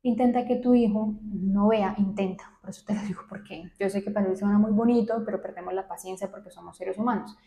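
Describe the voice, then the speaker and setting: Soft-voiced woman psychologist explaining calmly. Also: quick pace, hardly any pauses. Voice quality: soft, low voice. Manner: explanatory, checks in often with short tag questions. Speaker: child psychologist. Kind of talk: educational talk to camera. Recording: roomy echo.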